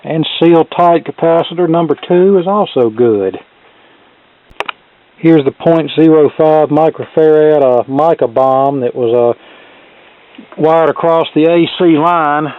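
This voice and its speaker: A middle-aged hobbyist electronics repairman presents a video from his workshop, casually talking through a hands-on repair with plainspoken, folksy turns of phrase. His voice sits on the high side and he's unhurried, with long pauses. The phone-like sound is narrow, tinny, close and dry, with slight background noise.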